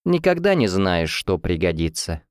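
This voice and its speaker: A man's voice: deep voice, very animated, normal speed, smooth, dry recording, clean studio sound. A man voicing a proud young female student in an audiobook, speaking with a superior air.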